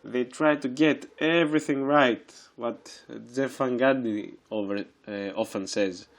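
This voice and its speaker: Man, 20s, from Greece, podcast host, slow, halting, lots of fillers and restarts. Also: medium pitch. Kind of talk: casual solo podcast monologue.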